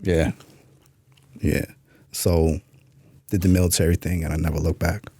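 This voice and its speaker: A little slow and flat, this man's low, mellow voice carries no room sound. He's a podcast guest from New York sharing his life story in blunt, streetwise terms and swearing freely, loudly acting out old conversations as part of his candid interview storytelling.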